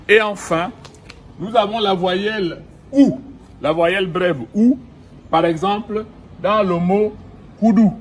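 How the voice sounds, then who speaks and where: Man, middle-aged, high voice, slow careful teaching delivery, outdoors, faint background noise. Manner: slow, deliberate, repeats vowels and example words. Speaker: language teacher. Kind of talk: recorded language lesson. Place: outdoors in the sun.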